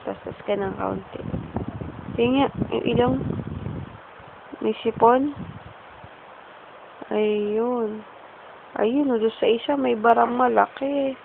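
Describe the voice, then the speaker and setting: A mother, cooing slowly in soft baby talk to her infant. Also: a little high, fairly even intonation, gravelly. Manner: cooing, sing-song, slow and soft. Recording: muffled phone-like home video with hiss.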